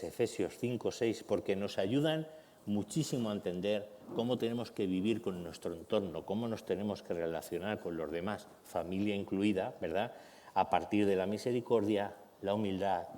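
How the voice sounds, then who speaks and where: Animated preacher, Spanish accent, church reverb. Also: male voice, fairly low pitch. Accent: Spain Spanish. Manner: animated, acts out family scenes with shouted voices. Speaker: pastor. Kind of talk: sermon. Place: church hall.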